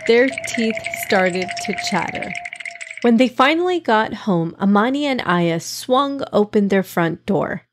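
A woman narrating a children's story in an expressive read-aloud style as podcast host. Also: mid-range voice, unhurried, soft background music.

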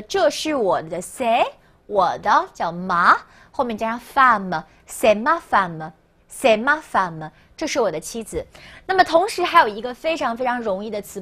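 A woman teaching a language lesson, often slowing down to repeat words for learners to copy. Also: a little high, breathy edge. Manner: slow, exaggerated repetition of words for learners. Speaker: French teacher.

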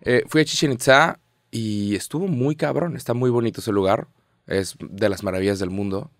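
A man's voice: mid-range voice, moderate pace, no echo. Slangy young Mexican man, dry sound. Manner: slangy, animated storytelling. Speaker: podcast co-host. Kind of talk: casual chat.

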